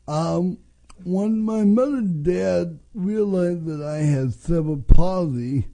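A man in his fifties with a North Dakota accent speaks in a high, very dark and soft-edged voice. He is a radio interview guest telling a personal story, and his phrases come slowly and haltingly. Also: creaky. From North Dakota, USA. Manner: halting, broken phrasing with restarts. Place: radio studio. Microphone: studio microphone.

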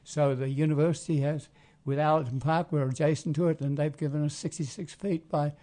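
A man talks casually as a community radio host. His voice is soft-edged and mellow, sitting a little high for a male. He rambles in a halting way, often searching for words. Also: fairly even intonation.

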